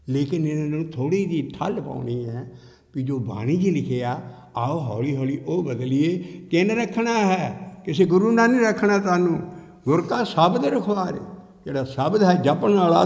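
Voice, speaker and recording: High gravelly preacher with hall reverb. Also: male voice. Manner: earnest, emphatic, breaks into chanted hymn lines. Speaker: Sikh preacher. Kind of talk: sermon with sung scripture.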